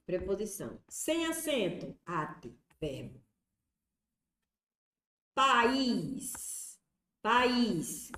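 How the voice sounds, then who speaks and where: A woman's voice: on the high side, roomy sound. A woman with a Brazilian Portuguese accent teaching an exam prep lesson, explaining step by step and asking and answering her own questions.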